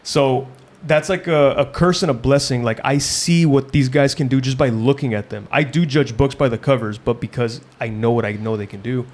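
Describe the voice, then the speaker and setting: This is a man in a relaxed interview who talks in a blunt, intense way, the way a wrestling coach does. His pitch is ordinary for a man. He often stumbles and restarts mid-sentence before pressing on with his point. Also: moderate pace. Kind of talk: casual interview chat.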